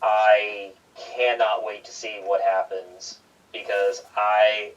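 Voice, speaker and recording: A man's voice: on the low side, flat delivery. Guy a bit far from the mic, dull sound, chatting wrestling, stumbles and repeats. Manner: halting, repeats himself. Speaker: wrestling show co-host. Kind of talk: casual wrestling talk.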